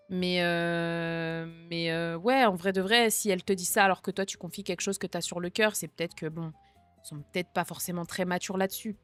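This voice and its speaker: Chatty young woman streamer. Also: lowish voice. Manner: chatty, slangy, answering chat with reassurance and jokes. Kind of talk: casual chat reading out viewer messages.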